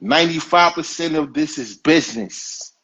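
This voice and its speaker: New guy hosting a live chat, husky, keeps repeating his points, muffled stream sound. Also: on the high side, moderate pace, sharp tone. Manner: emphatic, advice-giving, repeats phrases. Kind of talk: casual podcast chat. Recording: dull lo-fi stream audio.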